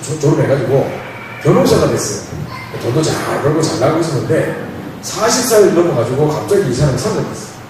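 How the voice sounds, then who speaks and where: A man's voice: a little high, a little hiss or hum. A man, a pastor telling playful stories in a sermon and acting out dialogue. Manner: animated, playful, acts out dialogue with laughs. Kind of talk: storytelling sermon. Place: church hall. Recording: echoey hall, mic from far off.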